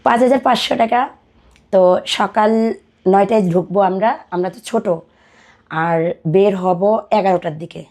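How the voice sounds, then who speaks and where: This podcast guest is a young woman from Dinajpur, Bangladesh, in her twenties, and she speaks unhurriedly with long pauses, a medium pitch, and a darkish tone. She relates her own life story in conversation, quoting what people said to her, while background music sits under her voice.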